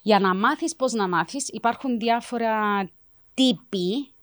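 A woman's voice: a little high, dry recording. A woman with a Cypriot Greek accent talking emphatically as a coach in a conversational interview, often switching into English. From Cyprus. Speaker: educational coach and mentor, interview guest.

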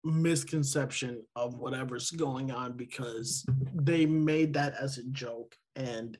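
Husky rambling podcast guy. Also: medium pitch, steady tone, slow, a little mellow, faint music behind. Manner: rambling, many fillers and restarts. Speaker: podcast co-host. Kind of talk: casual chat.

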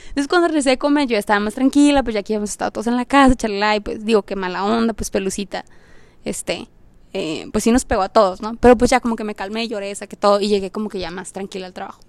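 A young adult woman with a Mexican accent, telling a personal story on her podcast in an expressive, slangy way with English phrases mixed in. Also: mid-range voice, quick pace, dry recording. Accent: Mexican Spanish. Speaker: podcast host. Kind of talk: casual storytelling monologue.

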